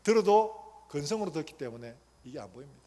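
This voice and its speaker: A man's voice: a little high, sing-song, quick pace, mellow. A man preaching a sermon as pastor, emphatic and asking the congregation questions that he then answers himself. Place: church sanctuary. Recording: long church hall reverb, faint noise.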